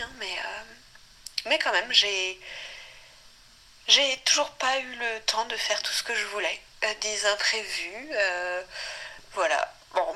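A woman's voice: medium pitch, sharp tone, rough recording. A woman recording a casual spoken diary, hesitant and searching for words. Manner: hesitant, full of fillers and restarts. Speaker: diarist.

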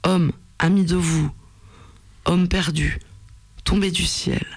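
A man voicing a hulking, sorrowful turtle-man creature who speaks in broken, halting phrases with a rocky, rumbling voice. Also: fairly even intonation, slightly rough, full character voice. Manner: halting two-word phrases.

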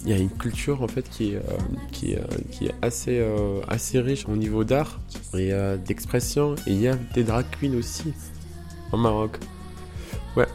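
Over music, a man in his twenties from Morocco, who performs in drag, chats about his life in an interview-style monologue. He speaks at normal speed in a lowish voice, often using fillers and restarting his sentences.

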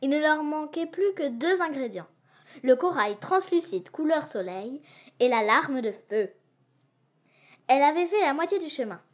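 A woman narrating an adventure audiobook for young listeners with a lively, expressive reading. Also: sits high, moderate pace. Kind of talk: storybook narration.

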